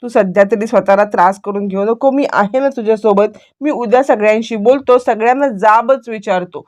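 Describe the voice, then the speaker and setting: A woman's voice: mid-range voice, fairly quick, darkish tone, natural voice. A woman voicing a young husband, reassuring and firm.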